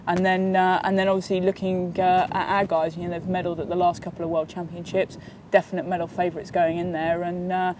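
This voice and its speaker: A woman in her thirties answers questions as a sailing coach, recorded on a lapel mic in a sunny park. Her voice stays flat and even, with plenty of fillers and restarts. Faint outdoor noise sits underneath. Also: lowish voice, fairly quick. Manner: steady, even delivery with many fillers and restarts. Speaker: sailing coach and training partner. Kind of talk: outdoor interview.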